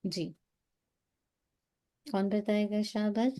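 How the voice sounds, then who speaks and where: A woman teaching Quran recitation on a video call, explaining each sound patiently and modelling words slowly. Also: mid-range voice, steady tone, warm tone. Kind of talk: online tajweed class.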